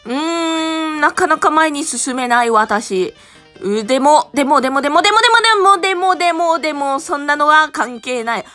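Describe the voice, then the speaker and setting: A young woman giving casual gameplay commentary as a streamer, excitable and quick to break into shouts and laughter. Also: high voice, soft background music. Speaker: game streamer.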